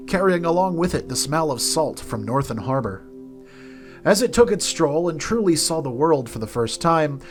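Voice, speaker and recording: A man reading a fantasy story aloud as narrator, in an expressive, soft-spoken way. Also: on the high side. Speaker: narrator and game company host.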